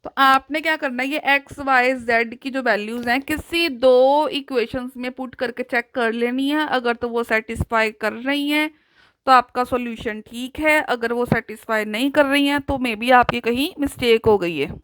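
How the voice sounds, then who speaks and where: A woman teaching a math lesson, slowly dictating each step of the working in a deliberate manner. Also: fairly high pitch, fairly bright tone, clear, resonant tone, low-quality recording.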